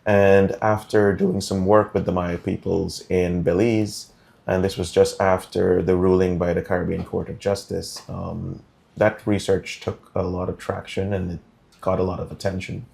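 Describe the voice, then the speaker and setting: A middle-aged man from Guyana, speaking as an interview guest in a measured, deliberate way with frequent ums. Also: deep voice, little pitch movement, vocal fry, a little mellow. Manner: measured, deliberate, many um fillers. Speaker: interview guest, food policy director. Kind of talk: studio interview.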